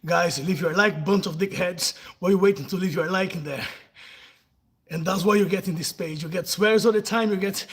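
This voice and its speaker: A man's voice: high voice, brisk, a bit bright, breathy edge. A middle-aged man from southern Brazil with a Brazilian Portuguese accent, a native Portuguese speaker, hosting a casual live stream while working out and teasing his viewers with playful swearing. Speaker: livestream host.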